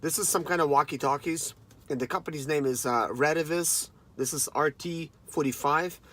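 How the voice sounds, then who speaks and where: A man in his thirties chats informally to camera while unboxing and reviewing a product, calling his viewers "guys." His voice is fairly high and a bit bright, at a moderate pace.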